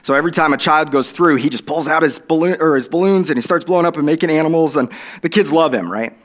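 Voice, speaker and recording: A man's voice: on the high side, quick pace. A middle-aged man with an Oklahoma accent preaching a sermon in a conversational way, checking in with listeners and repeating phrases for emphasis. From Oklahoma, USA. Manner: conversational, with check-in tags like "right?" and "okay?".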